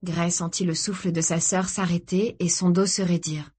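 A woman reading a novel aloud as an audiobook narrator, steady and even. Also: fairly low pitch, normal speed, breathy edge. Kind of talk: scripted narration.

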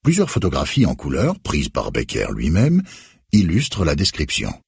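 A man reading a novel aloud in measured, expressive scripted narration. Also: a bass voice, creaky, slightly rough, no echo, clean studio sound. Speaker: audiobook narrator.

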